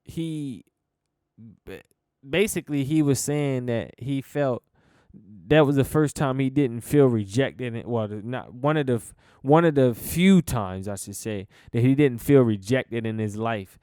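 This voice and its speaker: A man's voice: medium pitch, measured pace, warm tone, clear, resonant tone, no room sound, clean studio sound. A young American man hosting a casual solo podcast, rambling and laid-back with many fillers and restarts, swearing casually. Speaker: podcast host.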